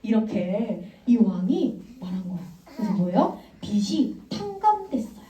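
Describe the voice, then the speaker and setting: A woman evangelist giving an animated children's sermon and quizzing the kids. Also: medium pitch, a little slow. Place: church room. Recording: echoey room, mic far off.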